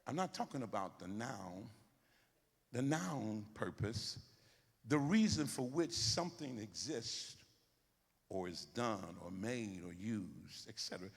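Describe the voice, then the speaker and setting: A man preaching a sermon, animated and repetitive, calling out to the congregation to respond. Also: fairly low pitch, slow, gravelly, breathy edge, long reverb tail.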